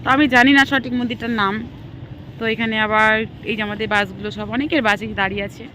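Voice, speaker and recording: A woman with a hoarse voice from a cold, chatting straight to her viewers in a casual travel vlog, filmed outdoors on a handheld phone. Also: a little high, fairly even intonation, brisk, sharp tone, slight background noise. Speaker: travel vlogger. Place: outdoors, bus stop and beach.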